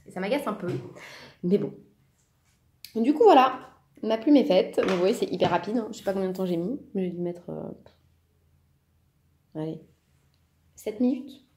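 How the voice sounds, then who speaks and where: A woman's voice: medium pitch, animated, normal speed, long pauses, dark tone, slight background noise. A woman in her thirties, a part-time teacher, chatting casually with many fillers and self-corrections while she colors for her vlog. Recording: echoey room.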